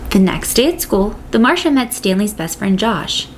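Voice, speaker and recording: A woman reading a children's picture book aloud, gentle and storytelling. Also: medium pitch, very animated, normal speed, a little hiss or hum, rough recording. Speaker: reader.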